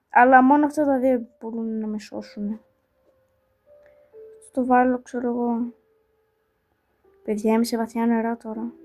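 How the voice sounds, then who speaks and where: Hosting her own channel, a woman with a fairly high voice casually comments on a mobile puzzle game, talking through every move and repeating "here" and "no." She pokes fun at herself and keeps apologizing to her viewers in a chatty way.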